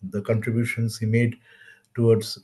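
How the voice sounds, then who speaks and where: A man with an Indian accent giving a webinar lecture on science history, measured and halting with pauses. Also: medium pitch, monotone, mellow. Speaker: webinar speaker.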